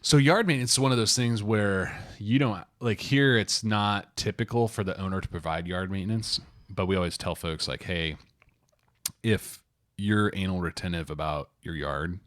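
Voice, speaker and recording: A man's voice: low-pitched, normal speed, fairly bright tone, no echo, studio quality. A man in his thirties co-hosting a podcast, giving casual advice in a loose, conversational way full of asides. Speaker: podcast co-host, property manager.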